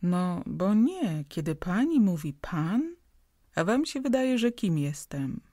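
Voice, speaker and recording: A woman voicing a brisk, kindly young lady who manages tenants in an audiobook, firm but friendly. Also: lowish voice, big pitch swings, dark tone, no room sound, clean studio sound, exaggerated voice. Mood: teasing.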